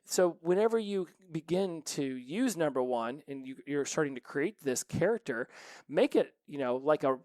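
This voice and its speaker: A man hosting a solo self-help podcast from his office, talking in an energetic, emphatic and playful way. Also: a little high, moderate pace, no room sound. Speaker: podcast host.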